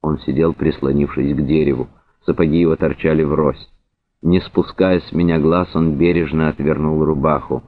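A man reading literary narration aloud in a measured, even way. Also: very deep voice. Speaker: audiobook reader. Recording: narrow phone-like sound.

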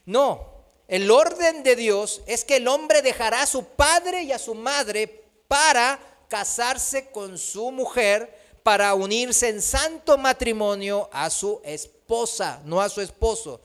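A preacher with a notably high-pitched voice. He delivers his sermon as a run of rhetorical questions, often closing a point with a short "¿no?". He slips into other voices when quoting people. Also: fairly bright tone. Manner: rhetorical questions with frequent tag "¿no?"; acts out quoted voices.

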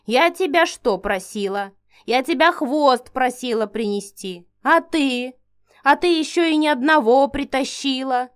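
Woman reading a grumpy mad witch, high and loud, bossing everyone around. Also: big pitch swings, takes it slowly, full character voice. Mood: indignant. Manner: loud, scolding. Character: grumpy eccentric female witch, bossy and impatient.

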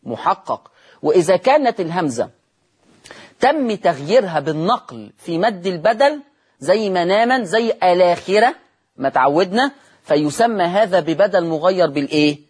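A man with an Egyptian accent teaching a recitation lesson on television, asking questions and answering them himself and drawing out the example words slowly. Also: sits high, expressive, slightly rough. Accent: Egyptian Arabic.

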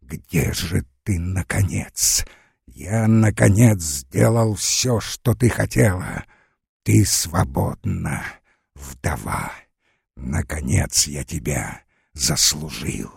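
A man voices a desperate, menacing man whispering in the dark. He breathes heavily and speaks low, slow and husky. The recording is dry and close. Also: expressive, no echo, exaggerated voice. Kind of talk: audiobook reading.

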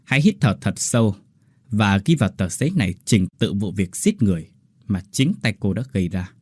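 A man voicing a calm, formal uniformed interrogator in a horror story. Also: lowish voice, a little fast, breathy edge, no echo, studio quality.

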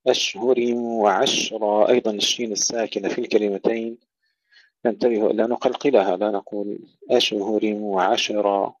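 A man teaching tajweed. He recites words slowly and carefully, then explains each rule in a plain voice. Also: on the low side, no room sound. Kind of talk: tajweed lesson with slow demonstrative recitation. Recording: dull, dry close recording.

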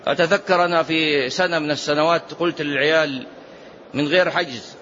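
A middle-aged man preaching a mosque lesson, animated and exhorting, full of rhetorical questions. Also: a little high, fairly quick. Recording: dull lo-fi mosque recording with faint noise.

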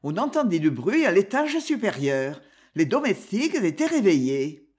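An audiobook narrator reading an old crime novel in a measured, expressive storytelling manner. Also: medium pitch.

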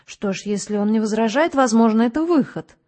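A patient, level-headed doctor who explains things calmly and reassuringly, as a woman reads him. The voice is fairly high, with a dark, mellow warmth throughout. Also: close to an everyday voice. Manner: measured, explaining, unhurried. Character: calm, patient male doctor, head of asylum.

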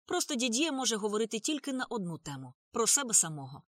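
A charming young man, voiced by a female reader, speaks smoothly and amiably, his tone rising brightly. Close and dry audiobook sound. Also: on the high side, big pitch swings, fast, no room sound, voice pushed up. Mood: friendly.

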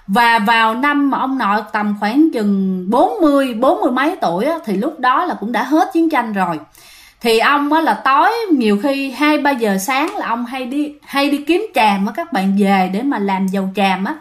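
Chatty woman telling ghost stories. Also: normal speed. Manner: chatty, addresses listeners directly, lively pitch swings. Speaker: ghost story narrator. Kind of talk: casual spoken storytelling.

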